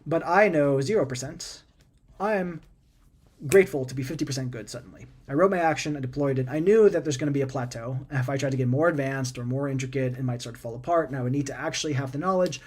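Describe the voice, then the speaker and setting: A man talking casually about software and AI, conversational and full of fillers, repeating words and tossing in animated asides. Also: mid-range voice, fast talker. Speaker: product maker talking about AI and coding. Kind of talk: casual explanatory talk.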